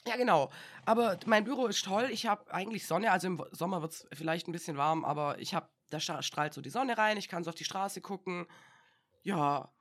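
A woman's voice: fairly low pitch, brisk. A young woman chats casually on a podcast, spinning stories and slipping into the voices of the people she quotes. She laughs often as she talks. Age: young adult. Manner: chatty storytelling, acting out quoted dialogue, laughs often. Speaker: podcast co-host. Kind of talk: casual chat.

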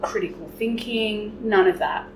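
A woman's voice: mid-range voice, a little slow. A 22-year-old woman, a podcast guest, speaking emphatically and forthrightly. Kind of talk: opinionated conversation. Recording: roomy with clear background noise.

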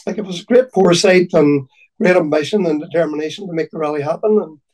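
A man with a Donegal Irish accent reminiscing in conversation, haltingly and often repeating his words. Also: a little high, a little mellow, distant mic, rough recording. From County Donegal, Ireland.

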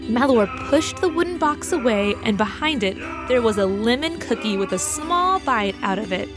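A woman reading a children's story aloud with gentle, expressive storytelling. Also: on the high side, moderate pace. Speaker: narrator. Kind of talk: scripted children's story narration. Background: music for children.

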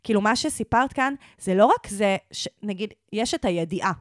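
A woman's voice: medium pitch, expressive, no echo, clean studio sound. A woman with an Israeli accent chatting casually as a podcast co-host. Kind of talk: casual conversational podcast chat.

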